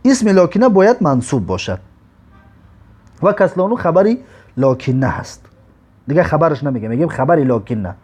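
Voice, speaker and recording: A man teaching an Arabic grammar lesson, drawing out example words slowly between quick explanations. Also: on the high side, sing-song, a little mellow, breathy edge. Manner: slow drawn-out example words, quick asides.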